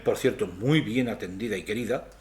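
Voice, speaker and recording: A man's voice: fairly low pitch, brisk, darkish tone. Older man reminiscing with hesitant fillers. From Spain. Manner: rambling, hesitant storytelling. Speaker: interview guest. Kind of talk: casual interview.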